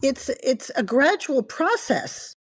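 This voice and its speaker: A woman's voice: high voice, big pitch swings, slow. A middle-aged woman from the Bahamas, a nutrition coach talking as a podcast guest in an enthusiastic, chatty, storytelling way. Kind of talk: casual podcast interview.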